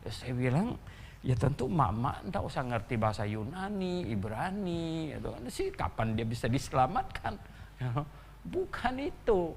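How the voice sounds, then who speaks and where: A man pastor giving an animated sermon in a church, full of rhetorical questions and chuckling asides. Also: high voice, long reverb tail.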